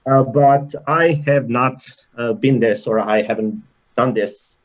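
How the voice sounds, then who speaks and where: A man's voice: medium pitch, takes it slowly, lo-fi sound. A man in his thirties from Serbia, with a Serbian accent, telling his story as an interview guest in a reflective, rambling way over a video call. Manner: reflective, rambling, animated in places.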